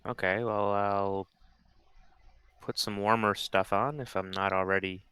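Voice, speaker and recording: A man's voice: fairly low pitch, fairly even intonation, measured pace, sharp tone, clear, resonant tone, dry recording. A man playing a tabletop game, thinking aloud tentatively with fillers. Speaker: player. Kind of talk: casual tabletop game play.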